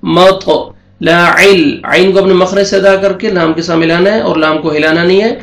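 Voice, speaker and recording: A man's voice: high voice, steady tone, echoey room. A man teaching Quran recitation rules, explaining each sound patiently step by step. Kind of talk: tajweed lesson.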